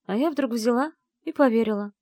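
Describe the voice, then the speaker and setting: Expressive woman narrating an audiobook. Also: on the high side, fairly quick, no room sound, studio quality. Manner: lively, expressive first-person telling. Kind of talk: first-person audiobook narration.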